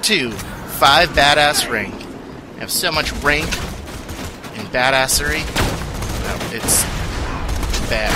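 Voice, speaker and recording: A man's voice: mid-range voice, background noise. A man hosting a gaming video, giving casual let's-play commentary, rambling and joking as he plays. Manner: rambling, joking, talking to himself. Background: game gunfire.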